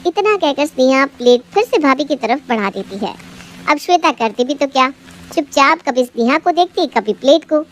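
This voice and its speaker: A woman narrating a scripted family story in a plain, even storytelling manner. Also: high voice, moderate pace.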